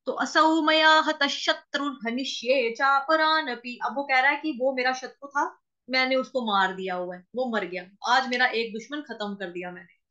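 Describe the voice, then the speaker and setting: A woman with a high, bright voice teaches Sanskrit recitation. She stretches each chanted word out very slowly, then breaks it down letter by letter. The recording sounds a little dull and lo-fi. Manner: chants verse words very slowly and drawn out, then explains quickly; spells out letters and vowel marks one by one. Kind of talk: slow syllable-by-syllable chanting lesson.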